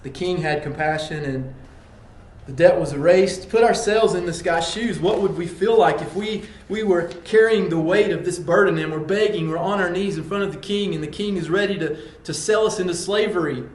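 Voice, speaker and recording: A man's voice: high voice, moderate pace, reverberant. A man preaching a sermon in an earnest way, breaking into acted-out pleas and quotes. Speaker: pastor.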